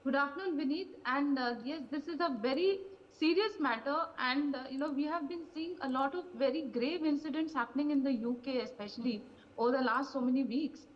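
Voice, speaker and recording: A woman speaking as a panelist on a live news broadcast, measured and full of fillers. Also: high-pitched, big-room sound, highs cut off.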